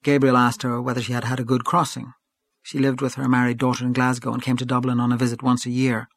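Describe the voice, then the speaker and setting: In this audiobook of literary fiction, a man narrates at a calm, steady pace, his mid-register pitch measured and even. The sound is close and dry, free of any echo or room tone.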